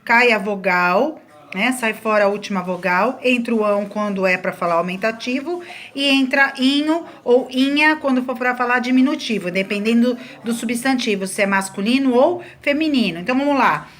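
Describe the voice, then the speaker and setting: A woman's voice: on the high side, normal speed, fairly bright tone. A woman teaching a grammar lesson, explaining the rules patiently step by step with examples.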